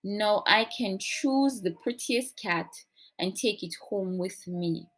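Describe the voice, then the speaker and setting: A woman's voice: mid-range voice, slow pace, low-quality recording. A woman playing a kindly, eager very old man in a children's storybook, earnest and exclaiming. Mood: joyful, eager.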